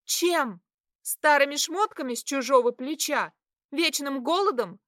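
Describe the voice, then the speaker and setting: A woman reading an audiobook, voicing a defiant young art student who shouts back at her parents. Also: measured pace, no room sound, clean studio sound. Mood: furious. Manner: high, shouting, tearful defiance.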